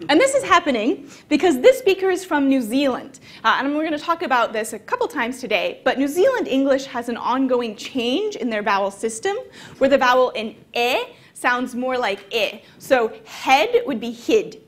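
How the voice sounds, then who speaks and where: A young woman gives a lively conference talk, her voice pitched high. She speaks in a relaxed, conversational way, with plenty of filler words as she explains her ideas. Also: normal speed. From American South. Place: conference hall.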